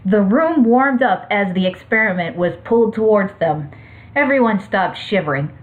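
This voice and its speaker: A woman reading her own fan fiction aloud, halting and often correcting herself between lines. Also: mid-range voice, animated, narrow, tinny audio. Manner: halting, self-correcting, with asides. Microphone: computer mic.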